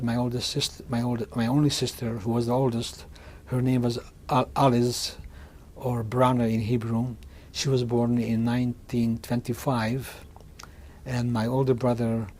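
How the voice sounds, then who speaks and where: Older hungarian-born guy, testimony interview, keeps restarting his sentences, low hiss on the tape. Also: a little mellow. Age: 60s. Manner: halting, with frequent restarts and repeated words. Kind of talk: oral history testimony.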